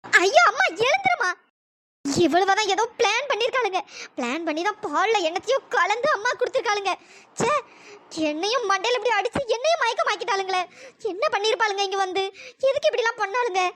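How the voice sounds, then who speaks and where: A voice actor playing a suspicious, indignant young woman in a cartoon story, with a pitch-raised processed voice. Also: lively intonation, fast talker, sharp tone, full character voice. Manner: indignant, accusing.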